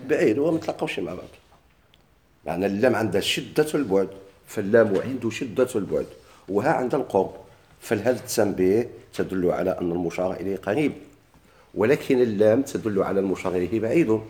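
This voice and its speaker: Moroccan man teaching grammar, low mellow voice. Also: animated, fast. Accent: Moroccan Arabic. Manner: asks questions and answers them himself, repeating key words. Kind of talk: classroom lesson explaining a grammar text.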